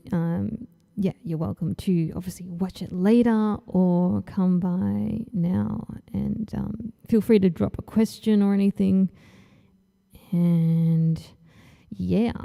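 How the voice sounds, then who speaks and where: Slow, gravelly-voiced Australian woman. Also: medium pitch, fairly even intonation, dark tone. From Tasmania, Australia. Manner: chatty and a little nervous, with frequent ums. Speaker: comic artist hosting her launch stream. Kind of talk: casual livestream chat while drawing.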